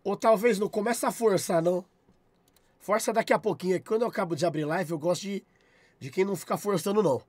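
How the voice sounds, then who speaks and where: A young man with a Brazilian accent, chatting on a live stream, loud and profane, shouting thanks at his chat. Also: sits high, fast talker, no room sound. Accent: Brazilian Portuguese.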